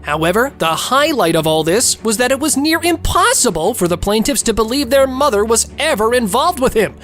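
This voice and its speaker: A woman's voice: a little high, very animated, fairly quick, a bit bright, faint music behind. A woman narrating a scripted recap of a reality court show in a gossipy, theatrical, cheeky way, playing up the melodrama.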